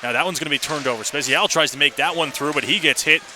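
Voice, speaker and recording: Speaking quickly in a slightly high voice, this man is the radio play-by-play announcer calling a hockey game live. It's a broadcast from inside the ice arena, with faint noise audible.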